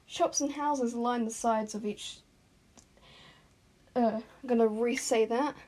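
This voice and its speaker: Speaking slowly in a fairly high voice with a darkish tone, a woman narrates fan fiction informally. She's self-conscious and amateur, often tripping over lines and redoing them, with asides along the way.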